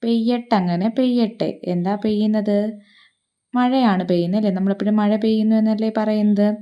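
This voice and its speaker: A woman teacher walks young children through a picture lesson, slow and patient. Her voice is warm and mellow, with an everyday middle pitch. She keeps asking simple questions and then answering them herself. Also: fairly even intonation, clear, resonant tone.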